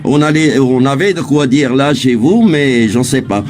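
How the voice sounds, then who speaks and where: A man's voice: mid-range voice, lively intonation, normal speed, a little mellow, a little hiss or hum. A man from Morocco calling into a live stream panel, pressing his point insistently. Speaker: panel caller. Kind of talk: casual live-stream complaint.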